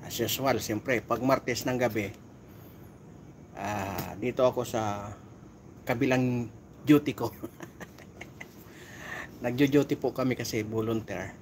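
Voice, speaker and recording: A middle-aged man chatting casually on a live stream while on night volunteer duty outdoors, giving viewers shout-outs. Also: medium pitch, slow, pauses often, slight background noise.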